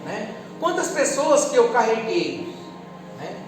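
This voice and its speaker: Pastor, male, high voice, long church reverb, music under the sermon. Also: very animated, takes it slowly. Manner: emotional preaching, swinging from loud to hushed. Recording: echoey church hall with music behind.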